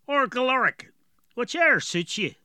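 A man voicing a gruff, thrifty male dwarf traveler with a strong rustic dialect who haggles in short, blunt phrases. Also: sits high, moderate pace, darkish tone, no room sound, voice pushed up, close to an everyday voice.

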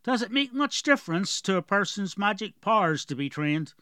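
A man's voice: high voice, big pitch swings, moderate pace, pushed and bright, clean tone, no echo, studio quality, pitched above the performer's own voice, exaggerated voice. A man voicing a curious, guarded young male assistant who speaks in a questioning, hesitant way.

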